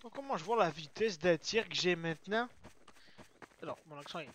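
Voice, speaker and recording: A man's voice: sits high, animated, normal speed, a bit bright. A man streaming a game in casual commentary, crude and slangy, often muttering and counting aloud to himself.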